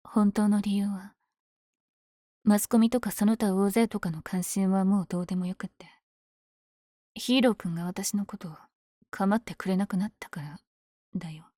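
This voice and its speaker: Woman playing a mellow, teasing, lovestruck villainess. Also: mid-range voice, brisk, dry recording, clean studio sound, close to an everyday voice. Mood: bashful, confiding. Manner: teasing, breathy asides. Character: powerful flirtatious villain lady, smitten with her hero rival. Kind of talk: ASMR situation voice drama.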